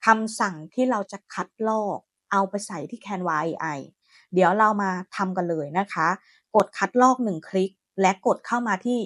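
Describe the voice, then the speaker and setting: A woman hosting a software tutorial, chatty and friendly, talking her viewers through each step. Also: mid-range voice, moderate pace, no room sound, studio quality. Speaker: AI tutorial host. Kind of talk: screen-recorded software tutorial.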